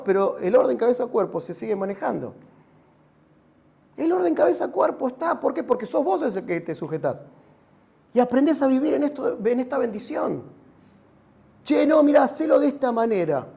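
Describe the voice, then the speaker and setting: A male pastor with a Rioplatense Spanish accent delivers an animated sermon. His voice sits very high and has a gravelly edge. He swells into shouts at times. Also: moderate pace. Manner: animated preaching, rising to shouts.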